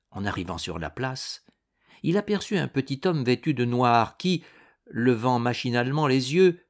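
Man, audiobook narrator, slow measured reading, dramatic, adventure novel. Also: mid-range voice.

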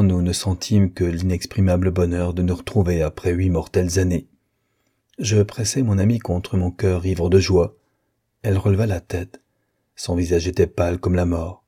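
A man narrates a classic novel in a measured, expressive reading. His voice is deep and mellow. It has a husky grain to it. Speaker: audiobook reader.

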